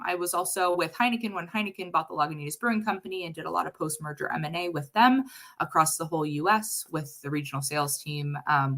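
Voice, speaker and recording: A woman in her thirties from the US West Coast, an HR consultant giving a casual, chatty webinar with a sarcastic streak. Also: fairly low pitch. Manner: chatty and sarcastic, lively swings in loudness.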